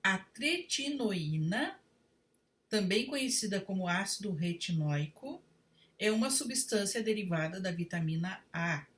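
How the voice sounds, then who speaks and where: A woman teaches spelling rules at an unhurried, measured pace, pausing over each word. Her voice sits in a middle register and sounds set back a little from the microphone. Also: mid-range voice, expressive, recorded from a distance. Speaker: Portuguese writing teacher. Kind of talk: read-aloud grammar lesson.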